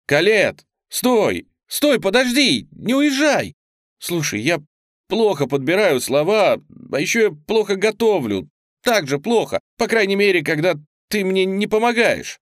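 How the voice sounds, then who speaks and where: A man's voice: high-pitched, sing-song, normal speed, dry recording, studio quality, pitched above the performer's own voice. A man voicing a clumsy young male cook who stammers and pleads in a flustered way. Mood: pleading.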